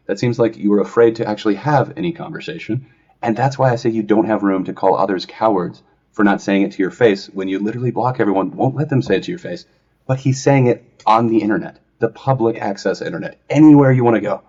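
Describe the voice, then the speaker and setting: Low husky podcast host guy, sarcastic, kinda muffled sound. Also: darkish tone. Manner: sarcastic, mocking. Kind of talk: casual chat.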